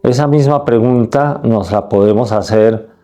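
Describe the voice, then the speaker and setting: A man giving a measured, reflective catechesis talk, phrase by phrase with pauses. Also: mid-range voice, dark tone. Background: faint guitar music.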